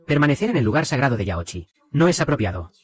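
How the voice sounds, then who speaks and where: Haughty ancient empress, read by a man in his own voice; commanding, fast. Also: mid-range voice, very animated, natural voice. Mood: imperious. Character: proud ancient female empress, imperious.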